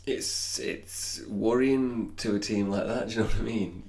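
A man's voice: on the low side, unhurried, vocal fry, darkish tone. A man co-hosting a podcast in casual football chat, hesitant, often repeating himself and trailing off. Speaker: podcast co-host.

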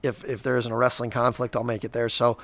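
A man's voice: medium pitch, completely flat delivery, fast, vocal fry, a bit bright, no echo. A man in his forties co-hosting a local school podcast, talking casually and rambling, with frequent restarts. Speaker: school district podcast co-host. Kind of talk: casual chat.

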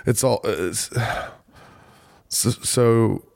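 A man's voice: fairly low pitch, drawn-out words, gravelly, a little mellow, no room sound, clean studio sound. A man, a stand-up comedian, talking casually on a podcast, rambling, restarting his thoughts and swearing freely. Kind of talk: casual conversation.

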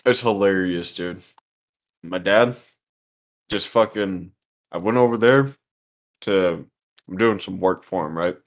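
A man's voice: sits low, takes it slowly, pauses often. A man in his twenties chatting casually with a friend at home, laid-back, swearing often and laughing a lot. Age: 20s. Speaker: podcast co-host. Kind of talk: casual chat. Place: home, eating pizza.

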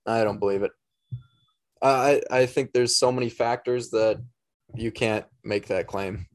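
A man's voice: lowish voice, fairly even intonation, measured pace, dry recording, clean studio sound. A man co-hosting a casual podcast, easygoing and hesitant, often restarting his sentences. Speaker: podcast co-host.

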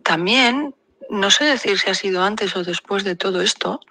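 A woman from the Basque Country telling her own story in a recorded voice message, hesitant, with many fillers and pauses. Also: medium pitch, sharp tone, no echo, poor audio. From Basque Country, Spain. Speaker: caller sending a voice message. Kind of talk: recorded personal account.

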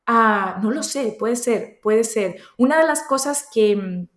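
A Colombian woman in her thirties, whose accent blends Colombian and Spain Spanish, answers questions in a conversational interview. She thinks aloud reflectively and often restarts her sentences. Her voice is on the high side and animated, at a slow pace, in an echoey room.

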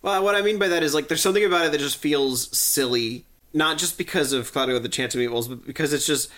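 A man co-hosting a podcast, chatting casually about a TV episode, halting and giggly. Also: fairly high pitch, fairly bright tone. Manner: giggly, halting, often acting out silly voices. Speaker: podcast co-host.

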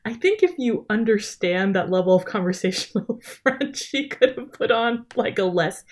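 A woman's voice: mid-range voice, lively intonation, moderate pace. A woman on a podcast, casually discussing a TV episode in a dry, matter-of-fact way. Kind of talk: casual chat recapping a TV episode.

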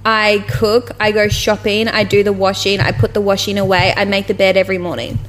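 A woman's voice: mid-range voice, fairly quick. Rambling, sweary woman co-host. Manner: rambling, blunt and sweary, animated retellings. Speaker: podcast co-host. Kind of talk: casual chat.

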